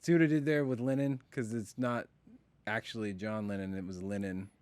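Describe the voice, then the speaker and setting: A man's voice: on the low side, fairly even intonation, fairly quick, darkish tone, smooth, no echo. A young man co-hosting a podcast, joking in a sarcastic, playful way and spinning mock conspiracy theories. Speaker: podcast co-host. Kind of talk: casual joking banter.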